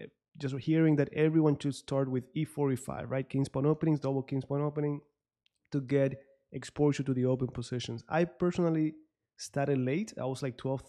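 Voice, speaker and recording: A man's voice: medium pitch, warm tone. A young man in his twenties with a Cuban Spanish accent, hosting a casual interview chat at a desk microphone. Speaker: chess coach hosting an interview. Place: small room at home, indoors. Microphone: desk microphone on a boom arm, video call.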